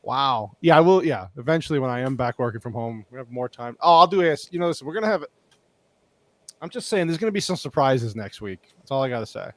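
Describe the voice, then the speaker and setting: A podcast co-host with a medium-pitched voice talks at a quick pace with no echo. His casual, joking chat is animated and rambling, and he swears freely as he goes.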